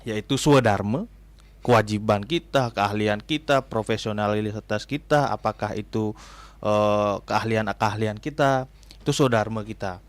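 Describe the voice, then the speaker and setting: Low-voiced young man explaining calmly. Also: measured pace, dry recording. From Bali, Indonesia. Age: 20s. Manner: explanatory, with frequent fillers and small laughs. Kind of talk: casual radio interview.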